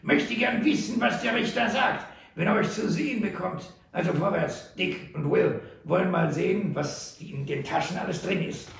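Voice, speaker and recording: A man voicing a sly, mocking old male trapper who drawls slowly in a high, gravelly voice. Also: fairly bright tone, far from the mic. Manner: slow, teasing drawl. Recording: roomy echo.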